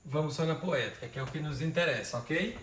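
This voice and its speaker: A man's voice: fairly high pitch, fairly quick, a bit bright. A male literature teacher giving an informal poetry lesson, patiently splitting verses into syllables and counting them aloud. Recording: roomy sound, mic at a distance, faint noise.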